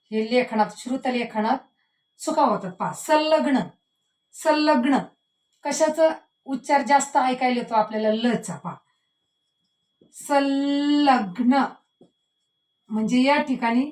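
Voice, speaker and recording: A woman teacher with a fairly high voice walks through a grammar lesson. She draws out each example word slowly and keeps ending sentences with the same tag word. Her voice rings in an echoey room. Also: a little mellow. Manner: repeats a tag word at line ends; slows and stresses words she demonstrates.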